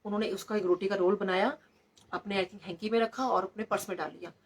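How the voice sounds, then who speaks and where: A woman's voice: mid-range voice, fairly even intonation, a little fast, husky. A middle-aged woman, a doctor, sharing devotional stories at a satsang, slipping English words into her narration. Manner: storytelling, code-switching into English.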